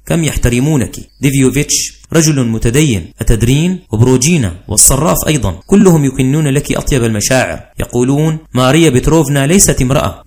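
Fussy, wheedling henpecked commander, voiced by a man, fast-talking, audiobook. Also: mid-range voice, close to an everyday voice. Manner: fussy, wheedling, voice swinging between soft and loud. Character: henpecked middle-aged male commander, pleading. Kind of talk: dramatized audiobook reading.

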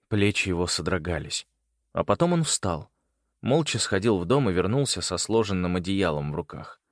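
A man reading an audiobook in scripted narration, expressive and voicing each character. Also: fairly low pitch, dry recording, clean studio sound.

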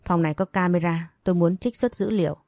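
A woman's voice: lowish voice, fast talker, darkish tone, no echo, clean studio sound, natural voice. A woman voicing a male night-duty policeman who speaks in a reassuring, matter-of-fact way.

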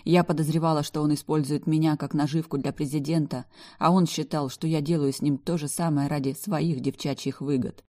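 A woman's voice: sits low, steady tone, a little fast, hardly any pauses, warm tone. A woman reading a first-person novel aloud with wry, emotional storytelling. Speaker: audiobook narrator.

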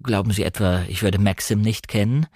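A man reading an audiobook, voicing a cautious, reserved gentleman who speaks slowly and gravely, his voice deep and slightly husky. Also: dry recording, studio quality, close to an everyday voice. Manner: slow, measured, grave.

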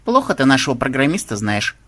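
A man's voice: mid-range voice, very animated, fast, a bit bright. A man voicing a sarcastic, teasing young woman game tester. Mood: mocking. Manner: teasing, mocking.

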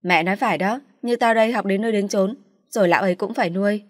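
Brief: woman playing a rude young sister, high and sharp, dry sound. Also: quick pace, dry recording, close to an everyday voice. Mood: snappish. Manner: snappish, contemptuous.

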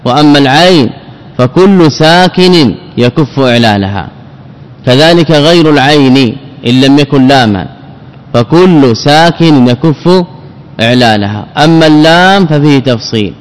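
A man teaching a grammar lesson, repeating word forms slowly and putting questions to himself before answering. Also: fairly high pitch, animated. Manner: repeats words, drills forms, asks and answers own questions. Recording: long hall reverb.

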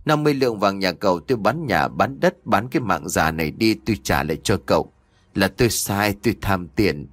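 A man voicing a remorseful old village father who pleads, shouts and frets in a storybook reading. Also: sits low, lively intonation, a little fast, dry recording. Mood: pleading. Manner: pleading then shouting, emotional.

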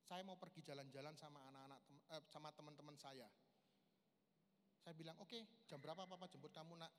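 A man gives an emotional church testimony, swinging from loud, high outbursts to hushed, low passages and calling the audience his brothers. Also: a little fast. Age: 40s. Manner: keeps addressing the audience as brothers. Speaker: lay preacher giving a testimony. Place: large reverberant hall at a men's camp. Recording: reverberant hall, faint background noise.

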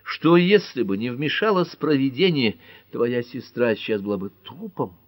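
A starchy, domineering mother in a detective audiobook, pitched well above the reader's own voice, as a man puts her on. She speaks in a stiff, disapproving tone and lifts her lines with emphatic swings. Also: lively intonation, moderate pace, no echo, natural voice. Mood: stern, prim. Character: prim domineering middle-aged mother.

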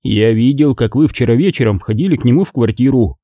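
A man's voice: mid-range voice, a little fast, no echo, dull audio, lightly acted. Man voicing a blunt, accusing tough guy. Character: dogged male gangster-investigator, blunt and accusing.

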